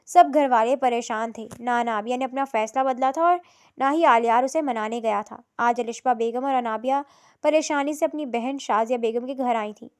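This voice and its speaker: A woman narrating a romantic novel in a steady, scripted storytelling read. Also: a little high, clean tone.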